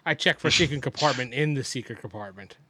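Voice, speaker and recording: Bright-voiced matter-of-fact male player. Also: mid-range voice, fast, breathy edge. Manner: short, matter-of-fact remarks. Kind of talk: casual tabletop game chat.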